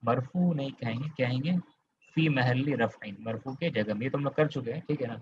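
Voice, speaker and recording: Male teacher from Kolkata, mid-pitched, patient step-by-step explainer who keeps quizzing students; muffled call audio. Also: fairly quick, darkish tone, slight background noise. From Kolkata, India. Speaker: Arabic grammar teacher. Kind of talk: online class lecture.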